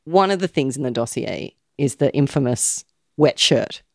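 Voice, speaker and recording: A woman's voice: a bass voice, lively intonation, moderate pace, vocal fry, dry recording, clean studio sound. A woman co-hosting a podcast, chatting casually and animatedly about a film, opinionated and swearing freely. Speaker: podcast co-host reviewing a film. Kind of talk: casual chat.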